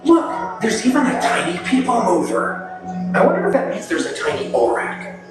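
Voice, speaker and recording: A man voicing a cheerful, chatty robot tour guide, heard over ride loudspeakers. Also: high-pitched, huge pitch swings, moderate pace. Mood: chipper. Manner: upbeat, chatty, playful. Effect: played over ride loudspeakers. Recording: echoey, distant loudspeaker on a moving ride. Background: music playing.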